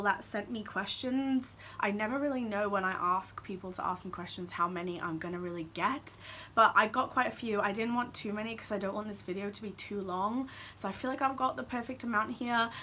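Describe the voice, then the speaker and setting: A young woman with a croaky, raspy voice as she recovers from the flu, chatting apologetically in a casual Q&A vlog recorded on her phone. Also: mid-range voice, sharp tone, a little hiss or hum. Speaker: YouTuber.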